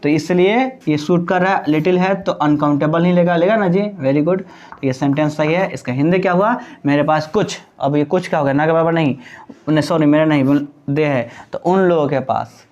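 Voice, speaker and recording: Man teaching grammar, higher voice. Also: moderate pace, darkish tone, muffled recording. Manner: explains by asking the class questions and answering them himself; mixes Hindi with English terms. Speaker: English teacher. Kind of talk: classroom grammar lesson.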